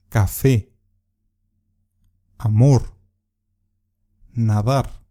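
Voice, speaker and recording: A man with a very dark, mellow voice teaches a podcast lesson at an unhurried pace. He reads from a script and leans hard on the stressed syllables of his example words so that learners can hear them. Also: fairly low pitch. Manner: measured, exaggerates word stress in examples. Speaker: Spanish teacher and podcast host.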